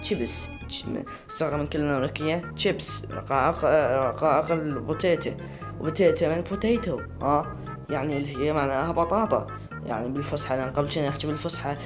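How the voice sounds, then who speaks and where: Fast-talking Iraqi man, rambling chat. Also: fairly high pitch. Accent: Iraqi Arabic. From Iraq. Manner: rambling, chatty, often breaks off and restarts words. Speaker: video creator. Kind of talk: casual talk to camera.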